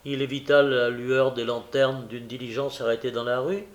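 A man reading a novel aloud as narrator, measured, dropping low and quiet in the tense passages. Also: fairly even intonation. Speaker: audiobook narrator.

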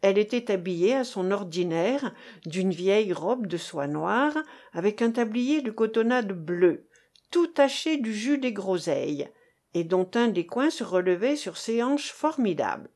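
Slow, expressive woman reading a story. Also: mid-range voice. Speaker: audiobook reader. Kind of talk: scripted literary narration.

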